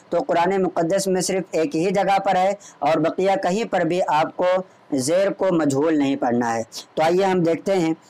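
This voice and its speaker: A man's voice: fairly high pitch, darkish tone. A man teaching Quran reading online, patiently drilling letter sounds. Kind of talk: online recitation lesson.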